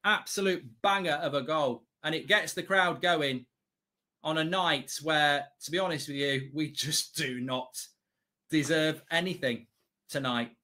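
Casting: middle-aged male football fan host, bright tense delivery, blunt and exasperated live reactions. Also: on the high side, unhurried. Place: indoor streaming studio.

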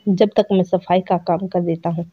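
A woman's voice: lowish voice, flat delivery, normal speed, warm tone, close to an everyday voice. A woman voicing a caring, respectful young male house servant, speaking politely and deferentially. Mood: devoted. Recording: dull lo-fi recording.

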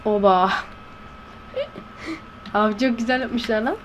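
A woman giving let's-play commentary in a hushed voice, blurting excitable reactions and slang while playing. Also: on the high side, measured pace, muffled recording, background noise. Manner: talking in a hushed voice. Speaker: gameplay commentator. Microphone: close to a desk microphone.

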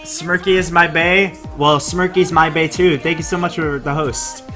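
A young man live-streaming a game, chatting casually, thanking viewers and reading the chat aloud in an excitable way. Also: on the high side, normal speed, faint music behind.

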